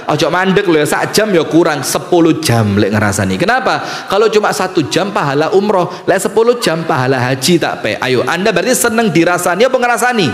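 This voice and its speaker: Male preacher, slightly high, lively storytelling; reverberant hall. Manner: animated, jokey, acts out voices. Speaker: Islamic preacher. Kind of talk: humorous storytelling sermon. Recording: echoey hall with long reverb.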